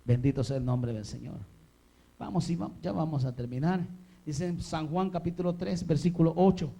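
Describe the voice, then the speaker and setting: A male pastor with a Honduran accent, preaching a sermon with calls for amen and loud, rising exclamations. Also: on the high side, normal speed, vocal fry, poor audio. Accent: Honduran Spanish.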